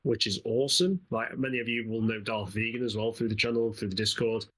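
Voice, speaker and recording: An English gaming channel host with an East Midlands accent rambles casually while commentating a co-op game, laughing a lot. His voice is lowish, fairly bright and breathy, he speaks a little fast, and the audio is poor.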